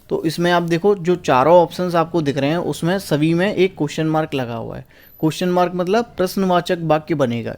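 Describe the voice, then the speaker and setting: With a fairly high but darkish-toned voice, a young teacher works through a previous exam paper, asking questions and then answering them on his own. He reads the English lines slowly, pronouncing each word separately.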